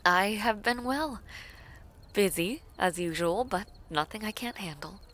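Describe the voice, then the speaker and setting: Voicing a poised, affectionate, teasing villainess princess for a fantasy romance audio roleplay, a woman speaks in formal courtly language with a breathy, frequently near-whispered style. She has a mid-range, slightly bright voice and an animated yet unhurried pace, sounding gracious and sociable.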